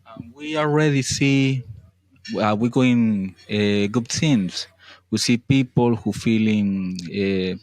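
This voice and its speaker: A man with a Colombian accent interprets in simple, halting English as a native Spanish speaker. His voice is fairly low and very unhurried, recorded dry. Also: darkish tone, no echo. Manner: halting non-native phrasing.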